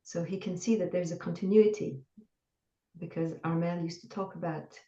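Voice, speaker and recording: A woman from France with a French accent, calmly and earnestly explaining her spiritual experience as an interview guest. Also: fairly low pitch, moderate pace. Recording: dull distant roomy call audio.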